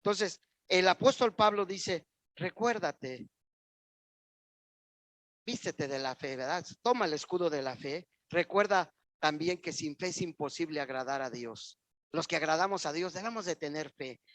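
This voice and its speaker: A man with a Mexican accent preaches a sermon to his congregation, his voice sitting high for a man. He is emphatic and repeats himself, often turning to address the listeners directly. The sound is dry and close, with little room echo. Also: expressive, unhurried, a bit bright. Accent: Mexican Spanish. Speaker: pastor. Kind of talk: sermon with personal testimony. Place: church.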